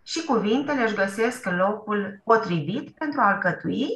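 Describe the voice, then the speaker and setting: A woman's voice: medium pitch, lively intonation, fairly bright tone, roomy sound. A woman teaching young children in an online class, encouraging them, often checking with "da?" and praising with "bravo". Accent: Romanian. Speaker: primary school teacher. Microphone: computer mic on a video call.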